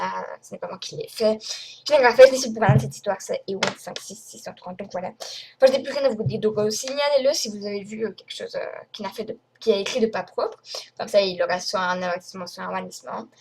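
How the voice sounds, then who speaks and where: In this casual screen-recorded rant, a young woman from France rambles indignantly at her viewers with plenty of fillers. She speaks quickly in a medium-pitched, gravelly voice, and background noise is audible.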